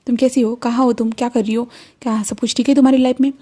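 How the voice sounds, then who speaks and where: Brief: earnest young man, caring and a little anxious, mellow tone, read by a woman narrator. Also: fairly high pitch, level tone, quick pace, close to an everyday voice. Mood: apologetic, eager.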